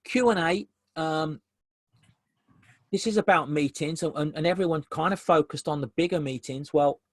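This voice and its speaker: A man's voice: a little high, normal speed, no echo. A man giving a conversational business webinar presentation over a video call, repeating key phrases for emphasis.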